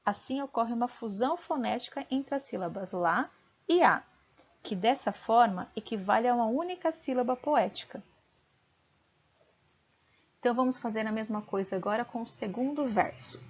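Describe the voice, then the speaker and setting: A woman's voice: on the high side, lively intonation, normal speed, breathy edge, highs cut off. A woman teacher giving a home-recorded video lesson, patiently sounding out syllables one by one.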